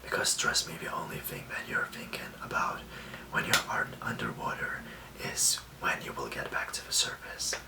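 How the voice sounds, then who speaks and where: A young man from Lithuania, giving soft, reassuring self-care tips in a whispered ASMR talk. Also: extremely low pitch, gravelly, reverberant, recorded from a distance, rough recording. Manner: soft, slow and gently reassuring. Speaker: ASMR host.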